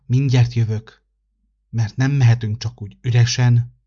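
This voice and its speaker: Kindly old winter grandfather in a storybook, gruff grumble, husky, voiced by a man; dull lo-fi sound. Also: mid-range voice, fairly even intonation, natural voice. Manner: grumbling, gruff but gentle.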